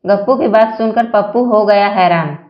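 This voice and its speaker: A woman's voice: medium pitch, normal speed, muffled recording, heavy background noise. A woman reading aloud a string of joke stories and laughing heartily at her own punchlines. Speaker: joke narrator.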